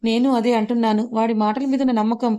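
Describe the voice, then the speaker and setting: A woman's voice: fairly high pitch, fairly even intonation, quick pace, dark tone, natural voice. A woman reading the lines of a stern, reproachful young husband in an audiobook story. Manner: reproachful, scolding.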